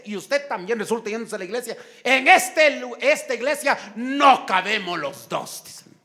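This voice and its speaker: A middle-aged man with a Guatemalan accent preaching a sermon, lively, acting out shouting people. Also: sits high. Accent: Guatemalan Spanish. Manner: animated preaching, acts out quarrels in shouted voices. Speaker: pastor.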